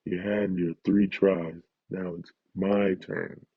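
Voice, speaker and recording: A man voicing a gruff, bossy monster with a gravelly growl, in a storybook reading. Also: deep voice, little pitch movement, takes it slowly, no echo, highs cut off, pitched below the performer's own voice, exaggerated voice. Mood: gruff, commanding. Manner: gruff, blunt, commanding.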